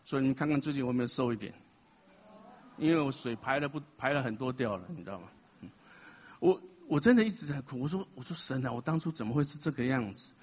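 At a church gathering, a man gives an emotional, confessional testimony, lacing it with self-mocking humor. His medium-pitched voice is a little mellow and husky, with lively intonation and a quick pace. The sound is dull, recorded in a reverberant hall.

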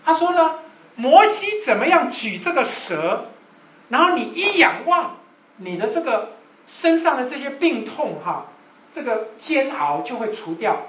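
Animated woman preacher giving a sermon. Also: sits high, unhurried. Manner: animated, asks the audience rhetorical questions. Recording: echoey room, voice from far off.

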